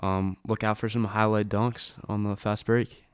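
A man co-hosting a casual sports podcast, giving his picks in relaxed conversation. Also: lowish voice, normal speed, clean tone, no room sound, clean studio sound. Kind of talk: casual sports preview chat.

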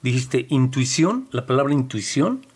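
Male host, mid-pitched, calm and inquisitive, asking an interview question. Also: measured pace, slightly rough.

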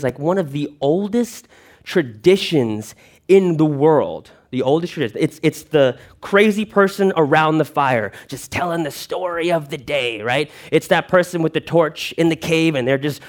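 A man speaking to a church congregation, giving an earnest personal testimony and telling animated stories. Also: medium pitch.

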